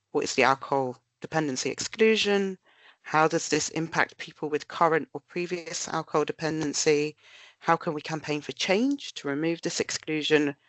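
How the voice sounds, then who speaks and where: A research director presents a prepared webinar, her low voice nasal and blocked up from a cold. The recording has no room sound.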